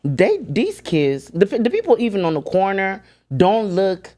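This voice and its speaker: A woman in her thirties from Africa, raised in Chicago, telling lively stories in casual podcast talk. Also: mid-range voice, unhurried. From born in Africa, raised in Chicago. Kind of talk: casual conversation.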